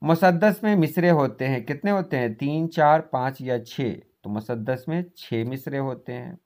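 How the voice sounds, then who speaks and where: A man's voice: medium pitch, normal speed, darkish tone. A man going through exam questions as a teacher, reading each question and its options before giving the answer, with speech. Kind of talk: quiz walkthrough lesson.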